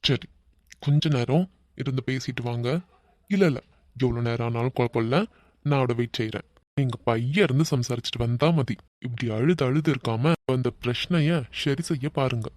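A performer voicing an easygoing, teasing young man in a cartoon, with a Kanyakumari Tamil accent and a soft, coaxing way of talking. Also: mid-range voice, moderate pace, no room sound, studio quality, lightly acted. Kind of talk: cartoon voice acting.

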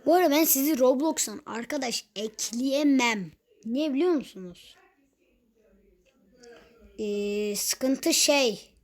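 A young woman with a fairly high voice chats over her gameplay. She is quick to get exasperated at teammates and drops teasing jokes. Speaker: gaming youtuber. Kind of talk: casual gameplay commentary.

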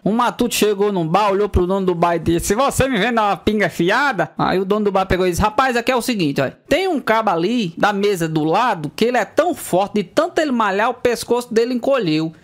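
High-voiced man telling rustic jokes. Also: fairly quick, few pauses. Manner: lively storyteller, jumps into squeaky character voices. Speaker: comedian. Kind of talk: joke telling.

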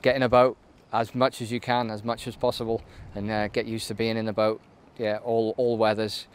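A man in his thirties answers interview questions outdoors by a lake. His voice sits low and stays flat, and he keeps saying "yeah" between points. Faint outdoor noise is heard behind him. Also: normal speed. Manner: flat, matter-of-fact, frequent "yeah". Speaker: army canoe racer being interviewed.

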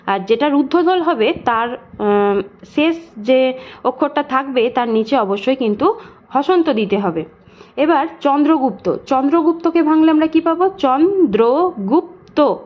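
A woman tutor taking schoolchildren through a grammar lesson step by step, asking questions and then answering them herself, and slowing right down to sound out syllables. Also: high-pitched, lo-fi sound. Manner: patient, explains step by step with rhetorical questions.

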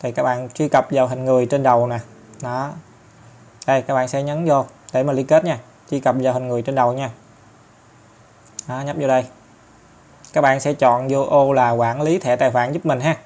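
A man with a Southern Vietnamese accent talking viewers through an app tutorial step by step, chatty and filling pauses often. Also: medium pitch, steady tone, darkish tone. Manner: chatty, step-by-step, many fillers and tag particles. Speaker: tutorial host. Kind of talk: screen-recorded app tutorial.

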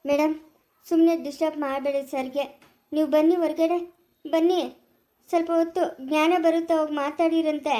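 A woman voicing a hospital staff member who firmly calms the family and asks them to step outside. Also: high-pitched, moderate pace, pauses often, voice pushed down, lightly acted. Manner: firm, calm, reassuring. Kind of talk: amateur family drama.

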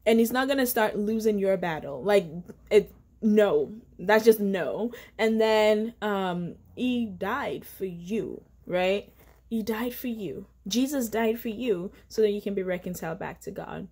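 A young woman vlogs about faith from her living room, offering casual devotional encouragement to the camera. Her mid-range voice is husky and darkish, moving at a measured pace, and she comes across as earnest and chatty, with plenty of fillers.

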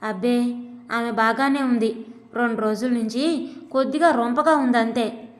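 A woman's voice: on the high side, measured pace, close to an everyday voice. A woman voicing a domineering, contemptuous husband who talks harshly and scolds his wife. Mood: bossy, scornful. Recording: long hall reverb.

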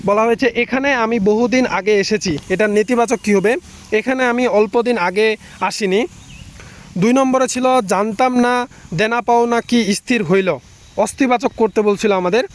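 A young man tutoring students, briskly walking through exam answers one by one. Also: high voice. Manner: brisk, lists answers in quick runs.

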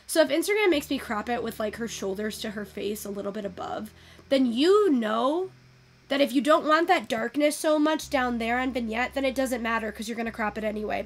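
A young woman chatting casually through a photo-editing tutorial, thinking out loud and swearing now and then. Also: on the high side. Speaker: virtual photography streamer.

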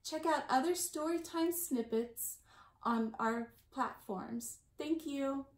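In a small room at home that echoes, a high-voiced woman in her forties reads a picture book for young kids at a very slow pace. She leads storytime with a lilting, sing-song voice, lengthening and stressing key words, and the mic sits a bit far away.

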